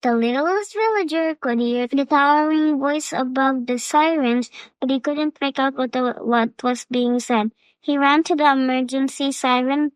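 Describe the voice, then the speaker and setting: A woman reading a children's fable aloud as storyteller, slow and expressive. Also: sits high, no echo.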